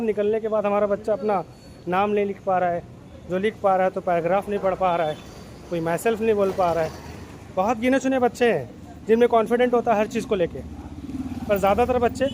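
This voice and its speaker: A man delivers his own street-side commentary in a high, carrying voice. He talks in a string of pointed questions and urgings, exhorting his listeners to act. A faint hum of the city street sits behind him outdoors. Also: a little mellow. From Mumbai, India. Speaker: local vlogger.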